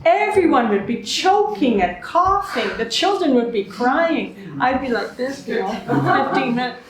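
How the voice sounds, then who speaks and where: A woman's voice: high-pitched, lively intonation, a little slow, crowd noise. A woman in her seventies telling anecdotes to a small group, chatty, often laughing and acting out what people said. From Canada. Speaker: guest speaker. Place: room with a small live audience. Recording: echoey room.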